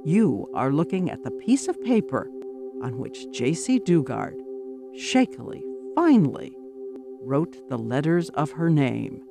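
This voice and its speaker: A man's voice: on the high side, big pitch swings, unhurried, vocal fry. A man giving scripted documentary narration with a dramatic, emphatic delivery. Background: music.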